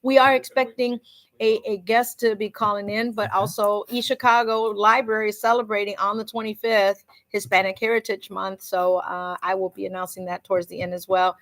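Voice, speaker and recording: A woman's voice: mid-range voice, level tone, moderate pace. A woman hosting a community radio show, moving between English and Spanish as she introduces a call-in guest. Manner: warm-up chatter, switches between English and Spanish. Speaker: radio host.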